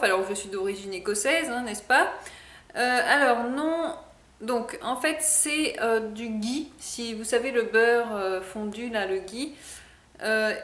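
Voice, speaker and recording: A woman's voice: on the high side, a bit bright, reverberant. A woman chatting casually in a product review vlog, hesitant with many fillers. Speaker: vlogger.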